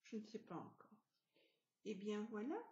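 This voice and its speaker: Woman, craft tutorial, soft-spoken, dark mellow tone, dull lo-fi recording. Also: medium pitch, lively intonation, echoey room. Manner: slow, gentle step-by-step explaining, soft asides. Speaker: craft video host.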